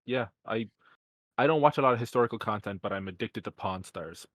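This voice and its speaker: A man's voice: on the low side, a little fast, dry recording. A young man hosting a casual podcast, rambling with many fillers and restarts. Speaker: podcast host.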